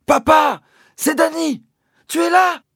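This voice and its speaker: A man's voice: very high-pitched, slow pace, fairly bright tone, no room sound, clean studio sound, pitched above the performer's own voice, full character voice. A man voicing a frightened young boy who calls desperately for his father, his voice breaking. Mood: frantic shouting.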